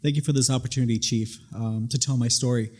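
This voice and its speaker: A middle-aged man from the Bronx, New York, an Air National Guard first sergeant, gives conversational answers as an interview guest. He speaks fast in a mid-range, darkish voice with fairly even intonation.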